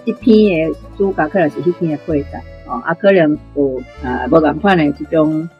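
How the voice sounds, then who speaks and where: On a radio programme about literature, a woman with a Taiwanese accent serves as guest or presenter, explaining things unscripted in a deep voice at normal speed. The sound is lo-fi, with soft music in the background.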